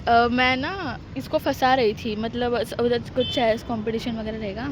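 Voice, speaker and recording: A young woman with a high, light voice chats into her phone in a casual vlog. She tells stories with plenty of giggles. Loud traffic and street noise sit under her voice. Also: steady tone, normal speed. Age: young adult. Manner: chatty, giggly storytelling. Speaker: vlogger. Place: outdoors on city streets and in an office.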